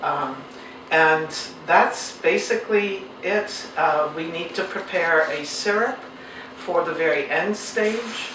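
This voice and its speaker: A woman's voice: sits low, slow, fairly bright tone. Woman home cook, patient demo voice, distant mic in an echoey room. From Turkey. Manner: patient, explanatory, homely. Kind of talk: cooking demonstration. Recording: roomy, distant mic, faint noise.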